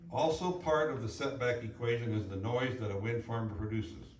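In an indoor public hearing room, a man with a mid-range voice reads prepared written statements aloud at a normal speed. The distant mic captures an echoey meeting room with faint noise.

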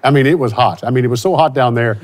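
Here a man with a medium-pitched, slightly mellow voice speaks quickly. He's a Louisiana-born country singer in his forties, interviewed on a starry-backdrop studio set with a lapel mic, reflective in tone and prone to restarts.

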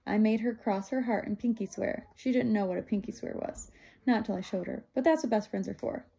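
A woman reads a novel aloud in steady first-person narration. Her voice is dark and gravelly with a mellow tone. The pitch is in the middle range for a woman. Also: brisk. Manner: steady, plain storytelling. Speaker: audiobook reader.

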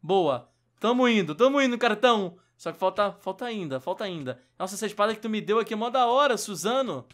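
A young man with a Brazilian Portuguese accent, hosting a Minecraft let's-play and shouting frantically through the fights. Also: sits high, lively intonation, a little fast, hardly any pauses. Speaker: gaming YouTuber host.

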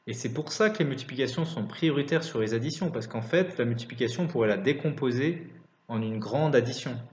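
A man's voice: medium pitch, a little fast, a little mellow. Echoey male maths teacher, dictating. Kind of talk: scripted lesson narration. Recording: roomy, slightly dull recording.

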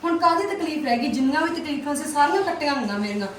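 An insistent, worried visiting relative. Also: female voice, high voice, expressive, racing, a little hiss or hum. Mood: concerned. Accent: Punjabi. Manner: insistent, concerned questioning. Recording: echoey room, mic far off.

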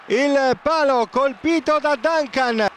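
A man giving excited, breathless play-by-play football commentary, with urgent goal calls. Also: extremely high pitch, slow, a little hiss or hum. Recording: stadium ambience behind commentary.

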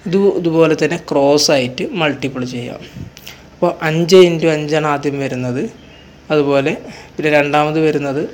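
A man's voice: a little high, slight background noise. A man teaching a math lesson, who asks questions and answers them himself as he works through each step. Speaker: exam coaching teacher.

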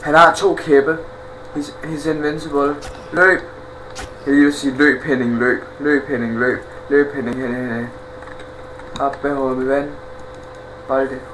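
A man's voice: mid-range voice, little pitch movement, a little hiss or hum, poor audio. A man commentating a horror game, swearing, taunting and joking at the enemies. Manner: loud, crude, taunts enemies. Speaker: gaming YouTuber. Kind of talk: let's play commentary.

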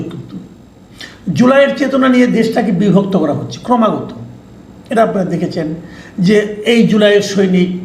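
A man delivering measured political news commentary, explaining events and reading out quotes. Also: sits high, darkish tone, echoey room, slight background noise.

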